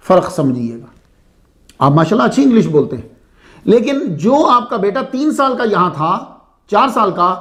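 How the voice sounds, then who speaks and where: A man telling a saint's story as a sermon-style lecture, in a conversational way that asks the listeners questions. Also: sits high. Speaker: religious speaker.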